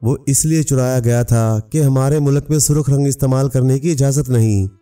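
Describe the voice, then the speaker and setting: Brief: man voicing a formal, commanding storybook king, dark smooth voice, distant mic, faint music. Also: medium pitch, steady tone, fairly quick, natural voice. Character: stern proud old male king.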